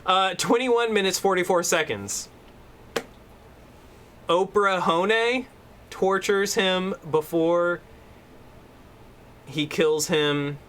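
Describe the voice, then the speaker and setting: Bright-toned, brash rambling man. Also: high voice, takes it slowly, pauses often, a little hiss or hum. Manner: profane, rambling, demonstrative. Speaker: podcast co-host. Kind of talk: casual chat. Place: room at home. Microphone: desk microphone.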